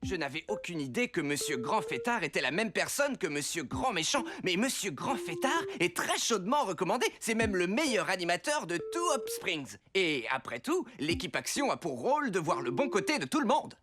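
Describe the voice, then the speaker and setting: A man voicing an earnest, upbeat mission leader of young superheroes in a children's cartoon, announcing things clearly. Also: high voice, big pitch swings, normal speed, hardly any pauses. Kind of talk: French-dubbed children's cartoon acting.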